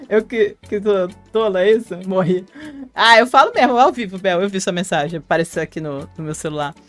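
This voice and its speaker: On a relaxed live stream, a woman with a Brazilian Portuguese accent reads out viewer comments, chats with fans by name, and laughs frequently. Her voice is mid-range and a little fast, picked up by a headphone mic, with faint music behind.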